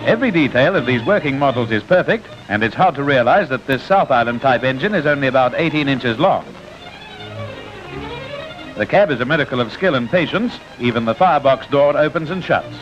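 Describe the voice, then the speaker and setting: Brisk old newsreel announcer, lo-fi. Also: male voice, medium pitch, expressive. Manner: brisk, jaunty, with wry quips. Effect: old newsreel soundtrack. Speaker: newsreel narrator. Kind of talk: scripted vintage newsreel narration. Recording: dull lo-fi old newsreel film sound with music.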